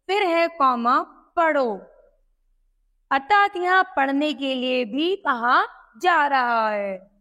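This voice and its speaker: Female teacher, high voice, slow and deliberate classroom delivery for kids. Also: fairly bright tone. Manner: slow, deliberate, repeats questions and answers to the class. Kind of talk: classroom lesson for children.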